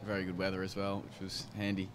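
A young Australian footballer gives a post-match interview in the team rooms beside a sponsor wall, speaking into a handheld mic held by the interviewer. His voice is low, monotone and fast, full of hesitation, fillers and restarts, with crowd noise behind him.

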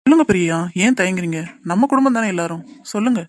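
A man's voice: high-pitched, expressive, racing, dry recording, studio quality. A man voicing a young man in a cartoon drama who earnestly pleads with and comforts the family. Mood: urging.

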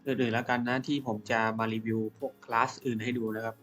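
A young man casually commentating his own video game play, excitable, calling out attack names and humming along in fights. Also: medium pitch, fast talker. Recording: game music behind the voice.

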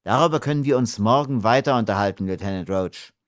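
A man's voice: on the low side, quick pace, no room sound, studio quality, lightly acted. A man reading an audiobook, voicing a young ranger who holds back his anger with tense restraint. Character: young blond male ranger, barely controlled anger.

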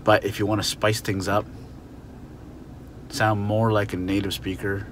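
A man's voice: fairly low pitch, flat delivery, measured pace, slight background noise. A man giving a casual English lesson, chatty, acting out little example scenes. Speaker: English teacher. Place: outdoors near a car.

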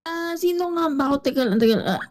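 A woman's voice: high voice, animated, fast talker, a little mellow. A woman voicing a scheming young woman in disguise in a Minecraft role-play, flustered and evasive.

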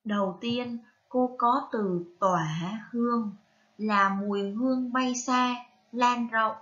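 A woman with a Vietnamese accent teaching a reading lesson to young children, spelling out syllables carefully and prompting them gently. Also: fairly high pitch, slow pace, lo-fi sound. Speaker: primary school teacher.

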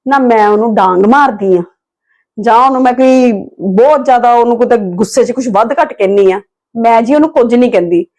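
A woman's voice: a little high, brisk, a little mellow, close to an everyday voice. A woman playing a firm sensible young wife. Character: sensible scolding young wife and sister-in-law.

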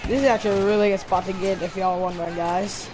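A woman casually commentating her gameplay on a stream, with loud sudden outbursts at the game and slangy talk. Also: mid-range voice, fairly even intonation, quick pace, rough recording.

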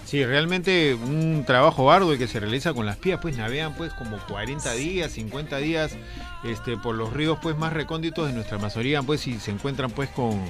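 A man co-hosting a radio show with a Peruvian accent, affable and full of quick agreements. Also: mid-range voice, music in the background. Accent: Peruvian Spanish. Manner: affable, lots of backchannel "claro", "así es". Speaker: radio co-host.

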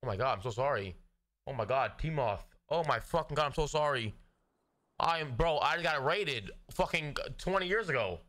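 A man's voice: medium pitch, animated, normal speed, a bit bright. A man streaming a game on a headset mic, blurting flustered, profane apologies and exclamations in casual livestream chatter.

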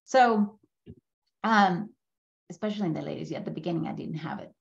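Brisk and lowish, with vocal fry, a middle-aged Mexican woman from Mexico City talks over dull audio. Invited as a guest speaker at a business school, she tells her personal story in a relaxed, conversational slide presentation on a video call from an indoor room, regularly checking with her listeners.

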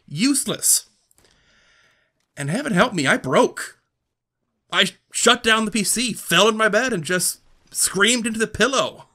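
Bright-voiced man, candid and reflective. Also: sits high. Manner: earnest, reflective, with halting restarts. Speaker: gaming YouTuber. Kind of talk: candid personal monologue.

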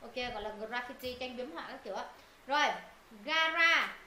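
A woman's voice: sits high, normal speed, bright, forceful tone. A woman teaching English pronunciation to students, repeating words and quizzing them on the answers. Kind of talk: live pronunciation lesson to students. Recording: echoey room, faint noise.

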